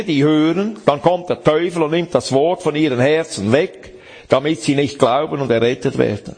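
A man's voice: on the high side, darkish tone, slightly rough. A man preaching a sermon, emphatic and addressing the listener directly, reading and explaining scripture.

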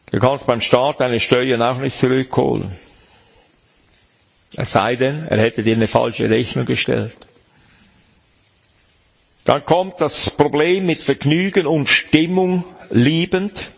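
A man preaching a sermon, slow and emphatic, asking the listeners questions. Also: medium pitch, gravelly, breathy edge. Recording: long hall reverb.

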